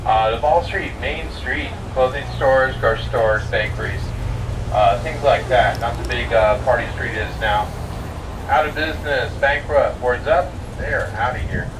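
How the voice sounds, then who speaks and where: A man's voice: mid-range voice, moderate pace. A man narrating a sightseeing tour from an open-air tour train, rambling with many fillers and light jokes. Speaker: tour guide. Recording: distant voice over vehicle and street noise.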